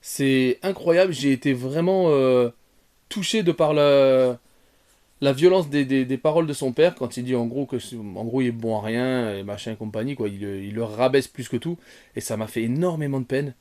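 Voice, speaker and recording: A man giving an off-the-cuff film review, rambling with many fillers and restarts, talking straight to his viewers and jumping from soft asides to loud outbursts. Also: medium pitch, moderate pace. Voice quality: bearded. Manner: addresses viewers directly. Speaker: retrogaming YouTuber.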